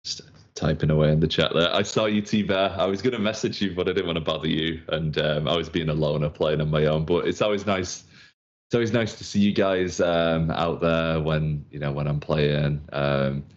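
A man's voice: rumbling low, fairly even intonation, normal speed. A man hosting a casual livestream chat, friendly and hesitant with many fillers. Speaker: community stream host. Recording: dull lo-fi stream audio.

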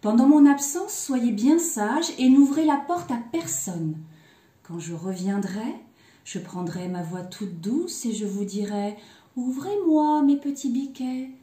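A woman voicing a caring mother goat who gives her kids firm, gentle instructions. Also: mid-range voice, lively intonation, measured pace, far from the mic, natural voice. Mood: instructive. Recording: echoey room.

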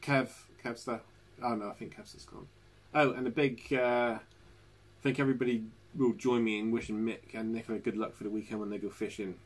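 A man's voice: mid-range voice, level tone, brisk. A man hosting a casual live stream from home, chatty and laughing often as he talks to viewers. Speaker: channel host. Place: home living room.

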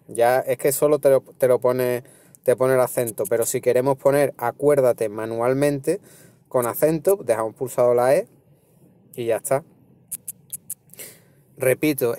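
A man with a Spanish accent from Spain, hosting a casual tech tutorial and explaining step by step, checking in with his viewers as he goes. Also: medium pitch. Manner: relaxed, explaining step by step with frequent "¿vale?" and "¿veis?". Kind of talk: casual screen-recorded tutorial.

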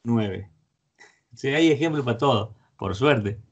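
A man's voice: medium pitch, expressive, unhurried, husky. A man giving an online songwriting lesson, explaining verse meter and singing short example lines. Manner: sings short melody lines between spoken explanations. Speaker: guitar and songwriting teacher. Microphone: video call.

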